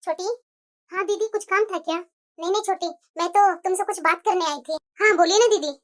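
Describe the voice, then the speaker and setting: A woman's voice: extremely high pitch, brisk, music in the background. A woman voicing a timid, polite young daughter-in-law in a cartoon family drama. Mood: confiding. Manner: meek, polite, soft-spoken. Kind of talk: cartoon voice acting.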